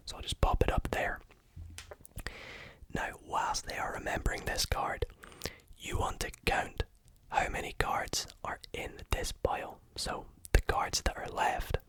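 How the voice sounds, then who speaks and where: A magician giving a whispered ASMR tutorial, gently explaining things step by step. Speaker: magician teaching a card trick.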